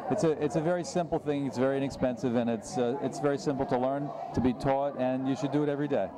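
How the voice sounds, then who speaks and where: A man giving an informal interview as a dentist guest, speaking haltingly and repeating words. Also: medium pitch, fairly even intonation, over a noisy crowd. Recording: loud urban ambient noise.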